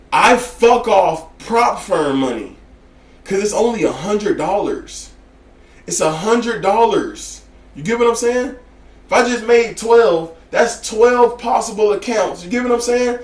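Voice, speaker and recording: A man's voice: sits high, animated, slow, reverberant. A man teaching day trading in casual, profane talk, blunt and slangy, often asking if you get what he's saying. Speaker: trading educator.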